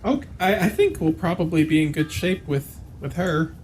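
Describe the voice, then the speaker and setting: High-voiced man chatting during a tabletop game. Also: big pitch swings, normal speed, a little mellow, soft background music. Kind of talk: casual game chat.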